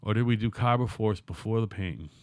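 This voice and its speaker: A man's voice: on the low side, a little fast, no echo. A man around fifty co-hosting a podcast in casual chat, laid-back and profane. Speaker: podcast co-host.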